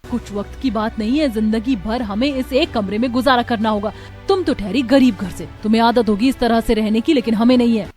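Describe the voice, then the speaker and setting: A woman's voice: on the high side, brisk, a little mellow, faint music behind, lightly acted. A woman voicing a spoiled, arrogant rich young daughter-in-law in a cartoon story, speaking in a sneering way. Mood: haughty. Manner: haughty, sneering.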